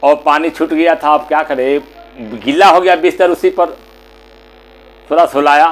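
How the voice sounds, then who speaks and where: A male religious storyteller narrates a moral tale in short, plain phrases. His voice sits high and he paces it slowly, like a patient preacher. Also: fairly even intonation, rough recording. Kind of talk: devotional story sermon.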